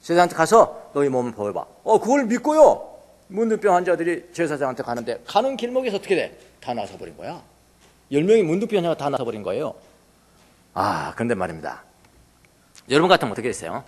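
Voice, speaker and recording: A man preaching a sermon as pastor, acting out quoted lines and swinging between loud bursts and hushed asides. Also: a little high, big pitch swings, fast talker, breathy edge.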